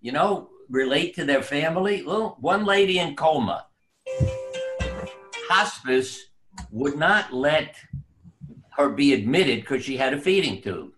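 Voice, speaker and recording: A man who is a surgeon and author, telling stories in an unhurried, reflective way as an interview guest, sometimes dropping to soft quiet tones. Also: on the high side, expressive, soft background music. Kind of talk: conversational storytelling.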